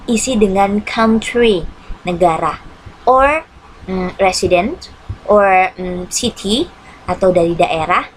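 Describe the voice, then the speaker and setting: A woman teacher with an Indonesian accent, giving an online English lesson and translating each English line into Indonesian, with frequent hmm pauses. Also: mid-range voice, slight background noise, poor audio. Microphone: computer mic on a screen-shared video lesson.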